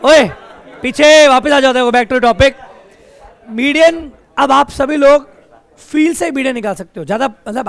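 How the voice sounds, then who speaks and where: A man's voice: extremely high pitch, dry recording. A male teacher teaching a classroom, mixing explanations with teasing and scolding of students. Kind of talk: classroom lecture with banter. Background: students' chatter.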